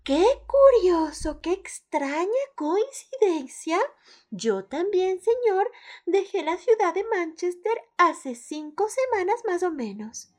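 A woman's voice: extremely high pitch, sing-song, slow, darkish tone, pitched above the performer's own voice, heavily acted. A woman playing a polite English lady in a radio play, marvelling at every coincidence with formal exclamations. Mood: amazed politeness. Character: Mrs. Martin, a polite, wondering English lady. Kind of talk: radio theatre acting.

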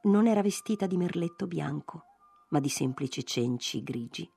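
A woman narrating a literary novel aloud in a measured, expressive reading. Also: low-pitched, gravelly, husky, faint music behind. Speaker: audiobook narrator.

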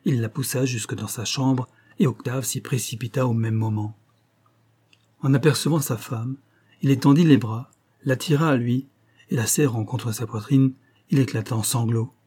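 A man narrating a classic novel as an audiobook, in a measured, dramatic storytelling manner. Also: medium pitch, steady tone, mellow, breathy edge.

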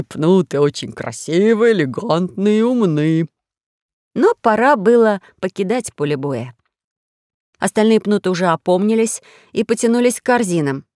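A woman narrating a children's audiobook story with expressive storytelling. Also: mid-range voice, no echo, studio quality.

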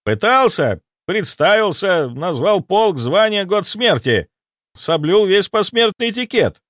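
A man's voice: sits high, sing-song, unhurried, dry recording, studio quality, voice pushed up, heavily acted. Rostislav, a man doing a frantic ghost officer. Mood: indignant. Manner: breathless, indignant shouting reports. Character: frantic ghost of an old-time male army officer. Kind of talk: audiobook character voice.

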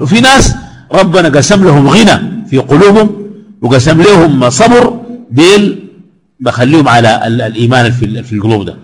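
A preacher talks at a quick clip in a fairly high voice. He slips between formal quotations and relaxed everyday asides, with his pitch jumping up sharply as he makes a point. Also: poor audio. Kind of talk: colloquial religious lesson.

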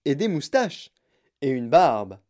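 A narrator voicing an excitable, eccentric grown-man candy-maker who talks in boastful, bouncy exclamations. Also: medium pitch, slow. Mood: eager, hurried.

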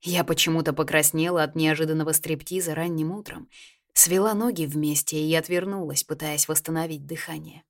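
Low-voiced woman narrating an audiobook. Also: fairly even intonation, fairly quick. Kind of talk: first-person audiobook narration.

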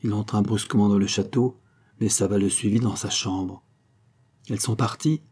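Guy reading an old novel aloud, low dark husky voice, steady pace. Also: normal speed. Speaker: audiobook narrator. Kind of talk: scripted narration.

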